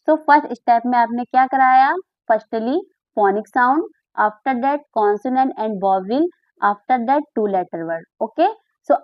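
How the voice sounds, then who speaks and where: A woman teaching phonics to parents, slowly sounding out letters and words and speaking directly to mothers. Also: a little high, no room sound, lo-fi sound. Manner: instructive, addresses mothers directly.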